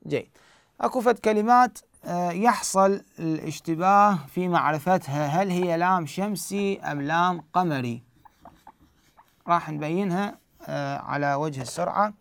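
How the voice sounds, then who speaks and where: A man's voice: high voice, normal speed, gravelly, fairly bright tone, clean tone, dry recording. A man with an Iraqi Arabic accent, teaching Quran recitation rules step by step and answering his own questions. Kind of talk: explanatory lesson.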